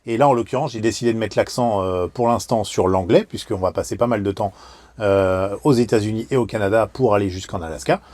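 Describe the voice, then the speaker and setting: A man's voice: fairly low pitch, brisk, a little mellow, no echo. A man travel vlogger explaining things casually, hesitant with many fillers.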